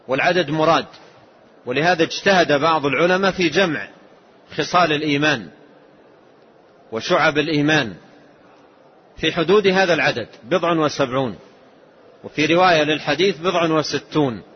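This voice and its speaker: A man giving a slow, measured religious lesson, explaining a text line by line. His voice is husky. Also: fairly high pitch. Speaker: Islamic scholar. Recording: dull lo-fi lesson tape.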